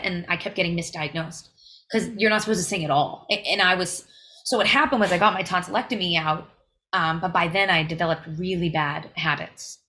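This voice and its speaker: A young touring singer offers earnest, emphatic advice in a casual podcast interview recorded at home, dropping fillers along the way. Her voice sits on the low side and sounds pushed and bright.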